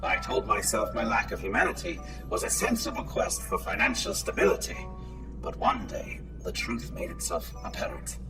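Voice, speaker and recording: A man's voice: fairly low pitch, normal speed, lightly acted. A man playing a menacing, pompous old half-mechanical Scrooge in an audio drama, with a theatrical, bombastic delivery. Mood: solemn, theatrical. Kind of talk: audio comedy drama acting. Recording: distant-sounding voice under loud music.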